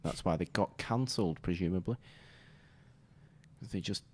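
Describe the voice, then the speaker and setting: Deep-voiced deadpan British man. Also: normal speed, breathy edge. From Britain. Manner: dry, deadpan humor. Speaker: podcast guest. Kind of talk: casual chat.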